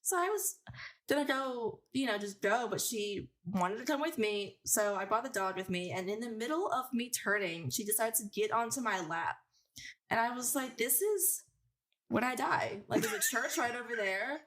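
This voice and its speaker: A young woman from the northern United States, co-hosting a podcast and telling stories in a casual, animated way with frequent laughter. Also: a little high, normal speed. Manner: animated storyteller, laughs often. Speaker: podcast co-host. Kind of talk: casual chat. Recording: loud background noise.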